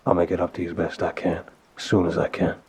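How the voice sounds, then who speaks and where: Playing a gentle, apologetic mafia boss boyfriend, an audio roleplay performer delivers a one-sided, intimate ASMR phone call in a low, husky, breathy voice. His delivery is flat but reassuring, hesitant and soft, broken by sighing pauses.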